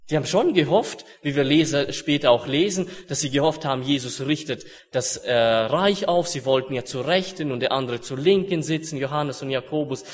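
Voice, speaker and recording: A young man preaching a sermon in an earnest way, dropping to hushed solemn words and then rising to urgent ones. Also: mid-range voice, moderate pace, few pauses.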